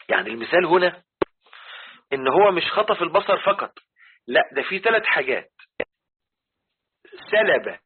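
With a husky voice that's a little high, an Egyptian Arabic–accented religious teacher walks a class through Quran commentary. He goes over points more than once and regularly makes sure his audience is with him, all on a thin, phone-quality recording.

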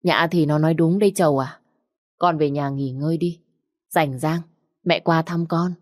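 A woman's voice: deep voice, steady tone, normal speed, no echo, clean studio sound, close to an everyday voice. A woman reading a story aloud, voicing a middle-aged mother who scolds in an exasperated, raised voice. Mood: soothing.

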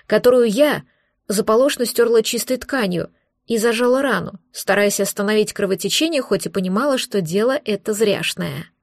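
A woman reading first-person audiobook narration in a steady storytelling manner. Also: fairly high pitch, no room sound, studio quality.

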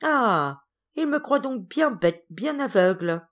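A prickly older spinster cousin snaps and protests in a high, strident voice, as a woman reader puts her on. She sounds sharp and indignant from start to finish. It is a storybook reading. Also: expressive, takes it slowly, heavily acted.

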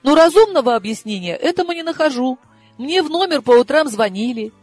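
A woman voicing a frightened, naive young woman held captive, squeaking and whimpering her answers. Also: expressive, brisk, a little mellow, dry recording, soft background music. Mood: pleading.

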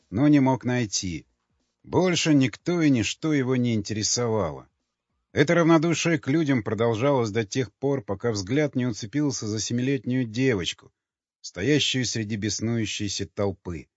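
Brief: male narrator, mid-pitched, even reading, slightly dull recording. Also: dry recording. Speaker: audiobook narrator. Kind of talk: scripted narration. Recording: slightly muffled with faint music.

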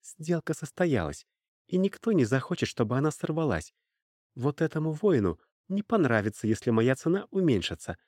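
A man's voice: medium pitch, big pitch swings, brisk, a little mellow, dry recording, studio quality, voice pushed up. A man voicing a young peasant slave girl who taunts and threatens her former master in a mocking tone. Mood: taunting.

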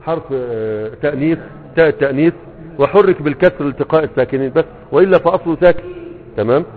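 A man's voice: on the high side, very fast. A man with an Egyptian Arabic accent teaching a grammar text, explaining step by step and checking that students follow. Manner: explains step by step, checking understanding with repeated "okay?". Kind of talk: classroom lecture reading and explaining a grammar text. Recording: tinny phone-like sound in a reverberant hall.

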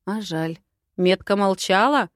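A woman voicing a calm, condescending old male lord in an audiobook. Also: mid-range voice, takes it slowly, no echo, studio quality, lightly acted. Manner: calm, patronizing. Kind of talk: audiobook character voice.

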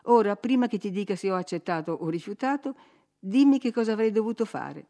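A woman's voice: mid-range voice, expressive, a little fast, dark tone, lightly acted. A woman voicing an impetuous, willful young woman who speaks in an emphatic, insistent way. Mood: anxious pleading.

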